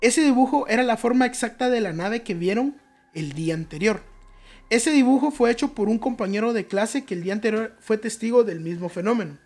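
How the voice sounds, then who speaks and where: A Mexican man co-hosts a loose, casual chat, relaxed and joking as he tells a story. His talk is slangy and easygoing. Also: high voice, brisk.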